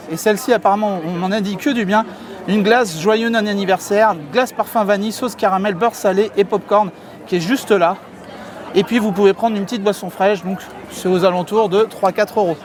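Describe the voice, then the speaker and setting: A middle-aged man chatting to viewers as his friends while walking through a theme park for his vlog, filmed on a handheld camera. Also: sits high. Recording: outdoor crowd and faint music behind.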